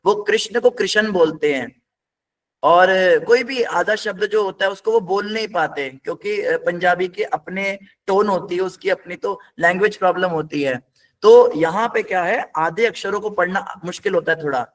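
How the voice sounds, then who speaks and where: A man with a high-pitched voice leads a scripture class. He breaks every word down step by step and stops often to quiz his students. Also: normal speed. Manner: patient, step-by-step explaining, quizzes the class.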